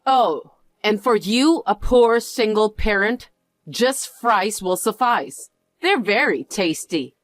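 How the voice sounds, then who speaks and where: A woman's voice: medium pitch, expressive, takes it slowly, dry recording. A woman voicing a snobbish rich woman who mocks the poor in a condescending tone. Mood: mocking. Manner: condescending, mocking. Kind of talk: voiced story drama.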